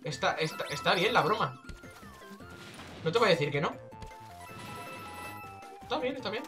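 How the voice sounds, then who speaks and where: A man's voice: high-pitched, animated, normal speed, music in the background. A man with a Spain Spanish accent giving casual, jokey, exclamatory commentary while playing a video game. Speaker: let's play gamer.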